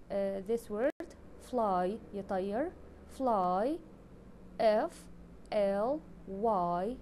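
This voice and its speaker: A woman's voice: medium pitch, darkish tone, slight background noise. A woman teaching a children's phonics lesson, spelling words letter by letter and explaining in two languages. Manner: slow, deliberate spelling of letters, switching between English and Arabic. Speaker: English teacher.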